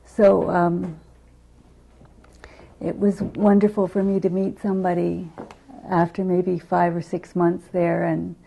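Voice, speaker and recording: Slow, flat-toned woman. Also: lowish voice, vocal fry, a little hiss or hum, rough recording. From Ontario, Canada. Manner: slow, reflective. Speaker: interviewee. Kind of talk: candid interview recollection.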